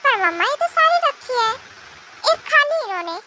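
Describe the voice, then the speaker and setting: A fan dubber voicing a small, caring boy in an amateur dub, talking in a gentle, earnest way. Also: very high voice, very animated, normal speed, exaggerated voice. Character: small sweet-natured boy, caring toward his mother. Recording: noisy home recording.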